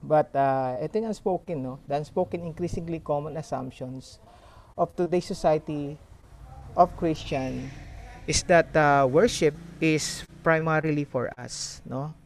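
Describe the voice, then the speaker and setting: A middle-aged Filipino man giving an informal, halting sermon, his speech slightly slurred from a swollen mouth after having a tooth pulled. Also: on the high side, slight background noise. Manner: halting, hesitant. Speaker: church member giving a short sermon. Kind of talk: informal sermon in mixed Tagalog and English.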